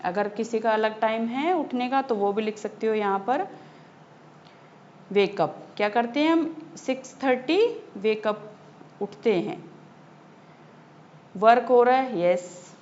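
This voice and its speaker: Slow patient woman teacher. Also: fairly high pitch, expressive, a little mellow. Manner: slow, patient, repeats key points for children. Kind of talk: textbook lesson explanation. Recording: slightly dull lo-fi audio with faint noise.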